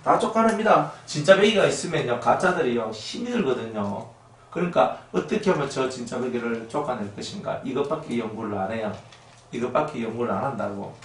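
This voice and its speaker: A male pastor delivering a sermon in an animated way, acting out the voices of people and raising his voice for emphasis. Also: medium pitch, brisk, reverberant, recorded from a distance, a little hiss or hum.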